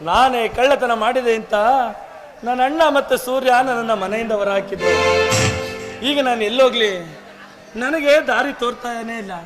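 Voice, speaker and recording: A sorrowful young outcast man, played by a male actor, pours out his grief in a very high, slow, theatrical stage delivery. The recording is from a live village drama, with music playing clearly behind the voice. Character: grieving young man cast out by his family.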